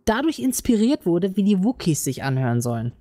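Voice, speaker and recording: A woman's voice: medium pitch, fairly quick. A woman chatting casually and giggling while playing an online game with friends. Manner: chatty, giggly, lively storytelling. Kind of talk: casual let's-play chat.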